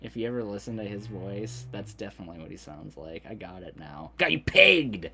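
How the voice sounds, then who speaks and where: A man's voice: fairly low pitch, brisk, dark tone, a little hiss or hum. A man on a casual livestream, playful and often laughing. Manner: giggly, playful. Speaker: co-host.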